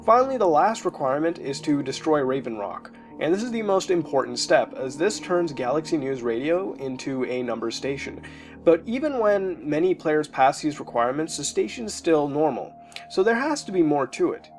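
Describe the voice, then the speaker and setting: Guy telling a creepypasta kinda casual, slightly higher voice, throws in some uhs. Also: moderate pace, music in the background. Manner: relaxed storytelling with occasional fillers. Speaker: YouTube narrator. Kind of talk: casual narration of creepy stories.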